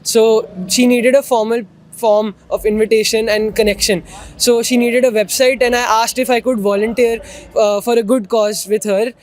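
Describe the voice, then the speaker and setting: A man's voice: sits high, little pitch movement, moderate pace, a little mellow. A teenage boy with an educated Indian English accent, politely and articulately explaining his work in an interview. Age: teenager, about 15. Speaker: student volunteer being interviewed.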